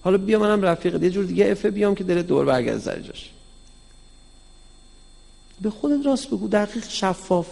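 Cleric-lecturer, male, raspy and gravelly, animated sermon style that acts out dialogue, recorded in a big echoing hall. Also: high-pitched, long pauses. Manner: lively, acts out quoted dialogue in a raised voice. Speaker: cleric teaching mysticism. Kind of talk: religious lecture to an audience. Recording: long hall reverb.

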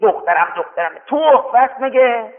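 A patient, wise wife who coaxes her husband gently, as a man acts her out in a sermon. The voice is high and sounds thin, as if heard over a phone. A long reverb trails after her words. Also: animated. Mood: coaxing. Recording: tinny echoey hall recording.

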